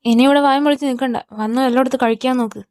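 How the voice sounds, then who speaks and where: A woman's voice: high voice, steady tone, rapid-fire, darkish tone, soft background music, close to an everyday voice. A woman with a Malayali accent voicing an exasperated mother who scolds her children in a fan audio drama. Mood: scolding. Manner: nagging, scolding.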